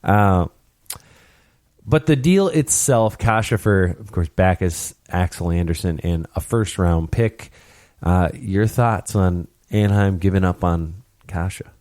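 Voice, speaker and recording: A man's voice: low-pitched, slow pace, darkish tone, no room sound, clean studio sound. A young man hosting a casual hockey podcast, telling stories with animation and mimicking people. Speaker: podcast host.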